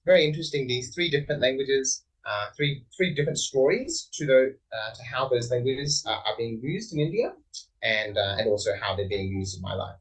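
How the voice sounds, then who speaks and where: A man's voice: mid-range voice, animated, fairly quick, husky, far from the mic, poor audio. An Australian man speaking on a conference panel, thoughtful, with many fillers and restarts.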